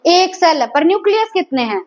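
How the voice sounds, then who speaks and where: A woman's voice: extremely high pitch, sing-song, brisk, darkish tone. A woman teaching a biology class, asking her students questions and repeating their answers. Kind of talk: classroom lecture.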